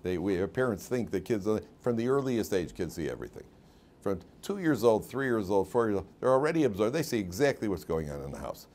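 Man, 50s, rabbi at the lectern; low-ish voice, loose storytelling classroom talk, stammered restarts, laughs at his own jokes. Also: very animated, fast talker, darkish tone, a little hiss or hum. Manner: chatty storyteller, repeats words, laughs at his own stories. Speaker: rabbi teaching a weekly Torah class. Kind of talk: informal classroom lecture with stories.

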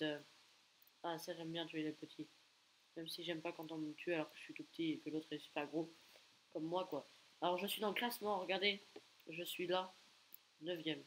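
A man giving excitable live gameplay commentary, taunting opponents and bursting into repeated exclamations. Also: on the high side, slight background noise, low-quality recording. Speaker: gaming video creator.

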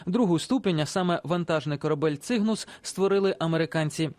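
High-voiced male news correspondent. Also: fairly quick, a little mellow, a little hiss or hum. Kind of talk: scripted news report narration.

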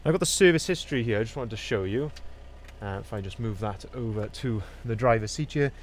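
In an upbeat walkaround review, a young van sales manager points out a van's features and flaws like an eager salesman, recording first-person on a handheld phone outdoors at a dealership lot. His mid-range voice has lively intonation and a slightly fast pace, with a little hiss or hum.

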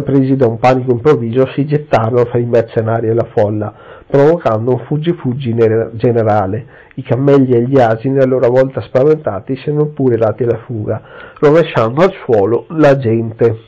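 A man giving a dramatic reading of an adventure novel, steady and expressive, on a slightly dull recording. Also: mid-range voice, brisk. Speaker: reader.

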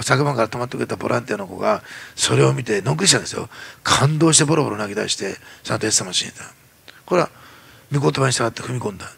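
Pastor guy preaching fast in a church, really gravelly and husky, acts out the voices in his stories. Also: medium pitch. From Japan. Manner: animated storytelling, acts out quoted voices. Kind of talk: sermon.

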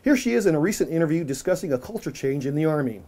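A man's voice: fairly high pitch, expressive, very fast, mellow. A middle-aged man hosting a local news show, reading his script in an upbeat way from a small office.

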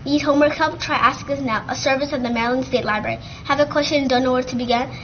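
A teenage girl with a high voice reads school announcements at a quick clip. She keeps the delivery upbeat and brisk. The audio is a little dull, with a faint rumble. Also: steady tone. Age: teens. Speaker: student news anchor. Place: school TV studio, green screen.

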